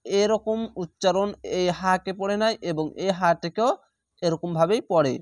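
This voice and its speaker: Slow, careful man teaching Quran reading. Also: sits high, dry recording, studio quality. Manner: spells out letters and vowel marks syllable by syllable, drawing out sounds. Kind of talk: slow spelled-out recitation lesson.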